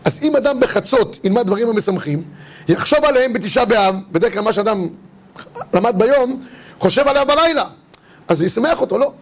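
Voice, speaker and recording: A rabbi giving a religious lesson, telling humorous stories and acting out his characters' lines. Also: extremely high pitch. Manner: lively storyteller, acts out the characters' lines. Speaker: rabbi teaching religious law.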